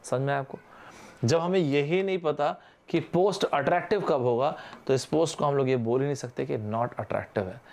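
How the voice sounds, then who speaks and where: A man's voice: mid-range voice, gravelly. A man with an Indian accent teaching vocabulary in an online exam-prep lesson, switching between Hindi and English and quizzing his viewers. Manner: lively, mixes Hindi with English terms, quizzes viewers directly.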